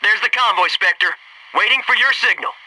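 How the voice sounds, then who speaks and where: In scripted squad radio lines for a military video game, an actor plays a cocky male Navy SEAL squadmate who trades brash, punchy wisecracks with focus. His natural voice sits high at a moderate pace. It's recorded from a distance against a noisy background.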